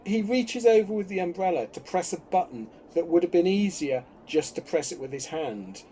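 Podcast co-host: man, dry and exasperated, warm low-key tone, slight background hiss. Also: expressive, moderate pace. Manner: sardonic, exasperated. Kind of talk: casual chat.

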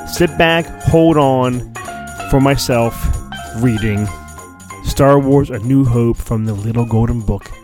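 Faint music plays behind a podcast host whose medium-pitched, darkish voice takes the storybook reading slowly. He hams up the drama, mocks himself, and often stops to mutter.

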